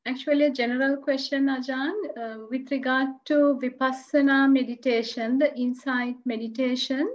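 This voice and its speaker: High-voiced polite woman on a dull call. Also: fairly even intonation, normal speed, hardly any pauses. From Sri Lanka. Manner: polite, careful questioning. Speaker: caller asking a question. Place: room at home.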